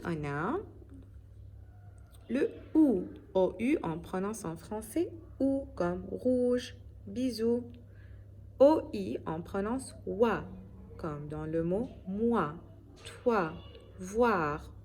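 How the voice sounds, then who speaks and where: A woman teaching French pronunciation in a slow, careful way, often checking with her listeners. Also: lowish voice, warm tone, a little hiss or hum. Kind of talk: phonics lesson.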